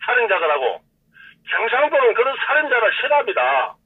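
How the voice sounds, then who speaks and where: A man's voice: very high-pitched, big pitch swings, fairly quick, husky. A male caller with a Gyeongsang dialect, ranting heatedly and repeating himself on a call-in show. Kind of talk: call-in rant. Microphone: telephone. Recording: tinny phone line, distant.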